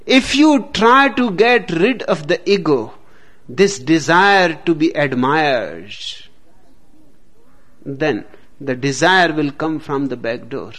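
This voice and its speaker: A man giving a spiritual discourse, speaking slowly with long pauses and telling jokes along the way. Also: on the high side, fairly bright tone. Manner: slow, deliberate, dramatic pauses, tells jokes. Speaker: spiritual teacher.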